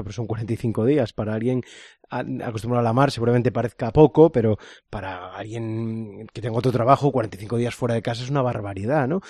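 A male journalist asking measured interview questions and rephrasing them as he goes. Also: on the low side, warm tone, no room sound, clean studio sound.

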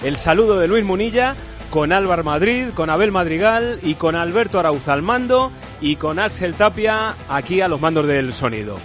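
A man with a Spanish accent hosting a night sports radio show, reading the day's football news with brisk, wry delivery into a studio microphone. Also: sits high, expressive, a bit bright, soft background music. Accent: Spanish (Spain). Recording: dry studio sound.

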